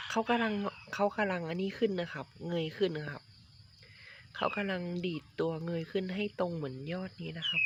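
A high-voiced vlogger who grows durians at home casually shows viewers the plants in his rural garden outdoors. He's courteous and talkative, repeating himself often and calling viewers his friends. Crickets, chickens and loud roosters fill the dull, lo-fi phone audio.

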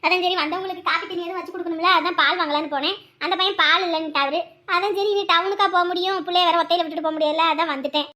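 Woman voicing a shrill, snappish village wife. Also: steady tone, racing, bright, forceful tone. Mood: plain. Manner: snappish, dismissive retorts. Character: sharp-tongued hard-working village wife and mother.

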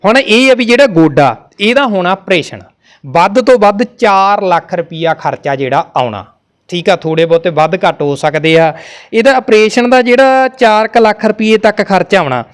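A man's voice: high voice, expressive, moderate pace. A man who hosts and reports on location, talking earnestly to camera and to a family he visits. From Punjab. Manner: consoling, earnest, talks to camera. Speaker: reporter host.

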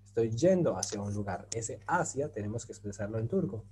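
This man's voice is lowish, expressive, and a little mellow, and he speaks briskly, with a slight hiss or hum in the recording. He patiently guides an online group class through Turkish grammar one step at a time, often asking "¿cierto?" ("right?").

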